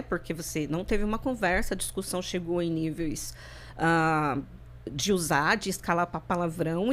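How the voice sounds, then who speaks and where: A woman from Brazil, a therapist guest on a podcast, telling her story in a reflective way, often repeating and restarting words. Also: fairly low pitch. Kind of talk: personal interview talk.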